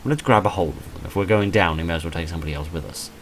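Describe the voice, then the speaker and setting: A deep-voiced man races through a visual novel playthrough, reading the text as a dramatic tale and dropping in dry, offhand comments. There's noticeable noise in the background behind his voice.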